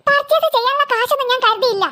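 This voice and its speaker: Performer doing weary cartoon mum reasoning with kids, high bright voice. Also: very fast. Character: tired mother short of money.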